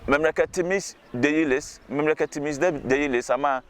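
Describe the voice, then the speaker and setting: Young Ghanaian man, halting learner's Turkish delivery. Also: fairly high pitch, fairly bright tone, slight background noise. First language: not Turkish. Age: young adult. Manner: halting, learner's speech with searching pauses. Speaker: international university student. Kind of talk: informal testimonial to camera.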